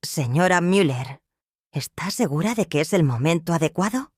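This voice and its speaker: A woman's voice: fairly low pitch, lively intonation, normal speed, darkish tone, dry recording, clean studio sound. A woman voicing a cautious older male financial adviser who speaks in a serious, warning tone, as part of a spoken story. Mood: grave.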